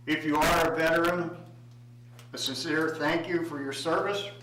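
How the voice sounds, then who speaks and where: An American man speaking as a mayor, giving a plainly spoken report at a formal meeting in a halting way, sometimes repeating words. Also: fairly high pitch, fairly even intonation. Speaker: mayor chairing a city council meeting. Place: indoor city meeting room. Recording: echoey room, distant mic, faint hum.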